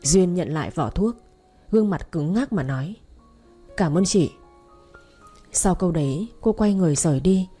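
A woman reading a story aloud in steady scripted narration, with faint music behind. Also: lowish voice, brisk, slightly rough. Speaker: audiobook narrator.

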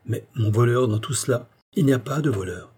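A man reading the part of a shrewd, brisk male detective in an audiobook. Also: mid-range voice, darkish tone, husky, close to an everyday voice. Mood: assured. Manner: brisk and assured.

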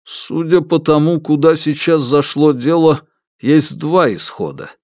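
A man voicing a calm, guarded middle-aged man who speaks in a measured, firm way. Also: on the high side, no echo, clean studio sound, voice pushed up. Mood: grave.

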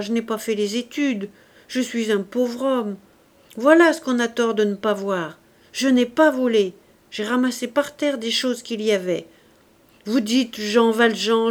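A woman voicing a poor, bewildered old male vagrant in the dock, protesting loudly and rambling. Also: fairly high pitch, natural voice.

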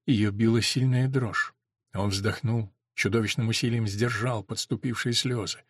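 A man reading a dark story aloud as a narrator, in a tense, dramatic way. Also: on the low side, steady tone, moderate pace, husky, dry recording, studio quality. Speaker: audiobook narrator. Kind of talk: scripted narration.

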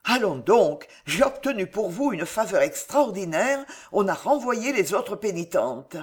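A woman's voice: medium pitch, very animated, measured pace, husky. A narrator voicing a pushy old woman. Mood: urging. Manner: hushed, urging. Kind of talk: audiobook reading.

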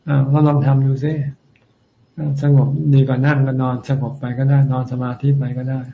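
A man, a Buddhist monk, answering Dharma questions in a calm, plain, unhurried way. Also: mid-range voice. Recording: dull lo-fi sound with faint noise.

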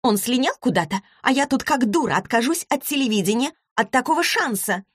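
Scheming young woman, shrill and defiant, done by a woman reader, dry sound. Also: lively intonation, brisk, breathy edge, no room sound.

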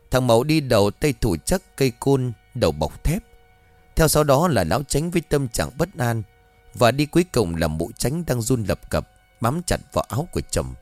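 A man's voice: medium pitch, dry recording. A man narrating a horror folk tale with suspenseful, dramatic storytelling.

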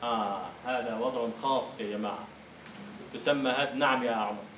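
A man lecturing on Arabic prosody in a classroom, teasing his students and slowly chanting verse syllables. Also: mid-range voice, fairly bright tone. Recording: roomy lecture hall echo, faint hiss.

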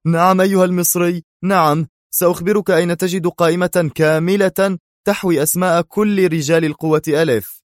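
A trembling, terrified captive, as a man reading the story puts him on, blurting in a high, shaky voice well above plain speech. The audiobook sound is dry and close. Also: fairly even intonation, fairly quick, no room sound, lightly acted. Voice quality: shaky, pleading.

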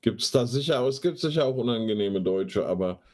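Hosting a live online talk show, a man offers casual, sarcastic, slangy commentary, reading material aloud mockingly. His medium-pitched voice is brisk and a little mellow, with lively intonation.

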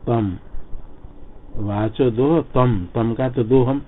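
A man teaching scripture as a lecture. He recites each verse slowly and then explains it word by word. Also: mid-range voice. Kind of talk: line-by-line scripture commentary lecture. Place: ashram classroom. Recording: phone-like lo-fi recording with faint noise.

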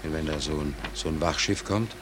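A man's voice: extremely low pitch, a little fast, fairly bright tone, a little hiss or hum. An actor playing a worried ship's stoker in a radio drama, speaking hesitantly and repeating his words.

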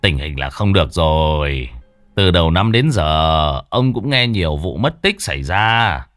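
Narrator as worried village chief, measured and serious, animated pitch, dry sound. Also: male voice, no echo, soft background music. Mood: grave. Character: middle-aged male village chief, grave and worried.

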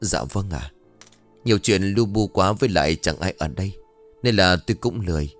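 A man's voice: low voice, expressive, moderate pace, soft background music. A man doing a flustered polite fifty-something man. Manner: hesitant and deferential.

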